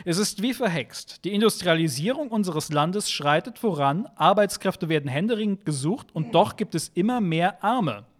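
A man's voice: high-pitched, animated, normal speed, few pauses. A man playing a wry, stingy Victorian moneylender who hosts a scripted history podcast, with a sardonic manner. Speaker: host.

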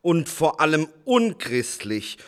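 A man's voice: fairly high pitch, very animated, slow pace. A man playing a devout Victorian politician in a scripted history podcast, speaking in an indignant, accusing way. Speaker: guest debater.

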